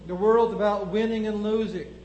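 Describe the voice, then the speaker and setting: A man's voice: high voice, fairly even intonation, moderate pace, dark tone, reverberant, muffled recording, a little hiss or hum. A man preaching a sermon, building his point through strings of rhetorical questions.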